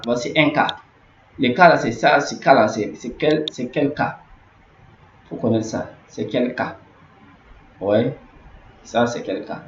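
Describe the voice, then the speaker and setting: A man gives a grammar lesson, saying each example word several times before explaining it. The recording is roomy and a little dull, with a faint hiss underneath. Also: mid-range voice. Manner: repetitive, explanatory, slowly repeats key words. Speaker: language teacher.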